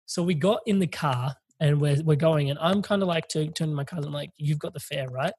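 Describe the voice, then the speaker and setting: Young guy, husky, slightly high, chatty storyteller, dry close sound. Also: fairly quick, no echo. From from overseas, visiting family in India. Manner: animated, swears and laughs mid-story. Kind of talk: casual storytelling chat.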